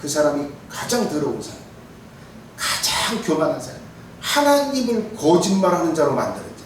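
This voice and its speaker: A middle-aged man preaching a sermon as pastor, emphatic, swinging between shouted and quiet lines. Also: fairly high pitch, very animated, moderate pace. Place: church sanctuary. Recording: echoey church hall, mic from far off, faint noise.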